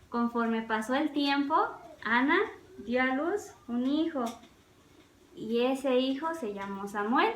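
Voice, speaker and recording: A woman's voice: fairly high pitch, a bit bright, roomy sound, slight background noise, poor audio. A woman Sunday school teacher telling a Bible story to children, talking to the listener directly and asking them questions.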